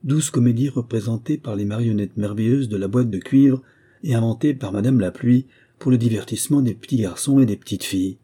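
Deep, dark-toned storyteller man. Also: a little fast, husky. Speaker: narrator. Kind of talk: scripted audiobook narration.

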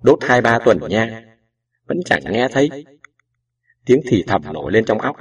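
A man narrating a novel as an audiobook in a slow, measured storytelling way. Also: mid-range voice, sing-song, slightly rough. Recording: distant mic with background music.

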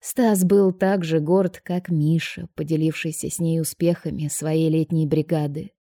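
A woman narrating an audiobook in a measured storytelling manner. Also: fairly low pitch, dark tone, no echo, clean studio sound. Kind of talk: scripted narration.

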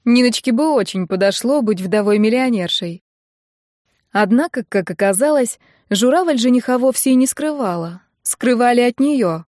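A woman narrating a novel in the first person, with even, expressive storytelling. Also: fairly high pitch, moderate pace, no echo, clean studio sound. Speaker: audiobook narrator.

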